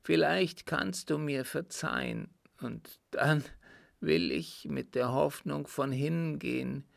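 A man reading aloud, voicing a dying old father who haltingly confesses a murder to his son. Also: a little high, very animated, gravelly, no echo, studio quality, pitched above the performer's own voice, exaggerated voice. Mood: grave. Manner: halting, heavy, pleading.

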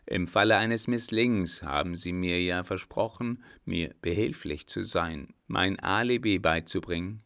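A man voicing a scheming army captain in a spoken storybook, talking tense and hushed. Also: low-pitched, a little slow, hardly any pauses.

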